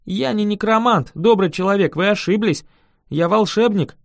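A man's voice: high-pitched, moderate pace, creaky, dry recording, clean studio sound, pitched above the performer's own voice. A man voicing a cocky young wizard who protests indignantly and blusters threats. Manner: indignant, mock-menacing bluster.

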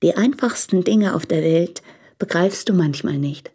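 A married woman in a radio play, torn between her husband and her lover. Her voice sits low and sounds husky. She speaks earnestly and pleads. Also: lively intonation, measured pace, warm tone.

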